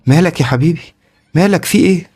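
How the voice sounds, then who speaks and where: An anxious young mother with an Egyptian accent asks worried questions in a rushed, rising voice, as a man reads her part. It is spoken horror storytelling. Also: a little high, a little mellow, husky, pitched above the performer's own voice. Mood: panicked. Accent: Egyptian Arabic.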